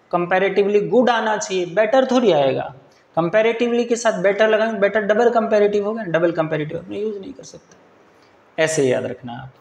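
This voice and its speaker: A man teaching English grammar for exams, explaining in Hindi and reading English sentences slowly, often checking that listeners follow. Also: sits high, vocal fry, reverberant, poor audio. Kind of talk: exam-prep grammar lesson.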